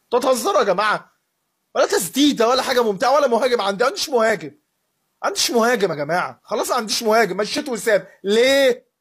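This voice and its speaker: A man's voice: very high voice, big pitch swings, very fast, a bit bright, breathy edge. A man with an Egyptian Arabic accent hosts a football fan channel, rating players in a heated, sarcastic casual rant.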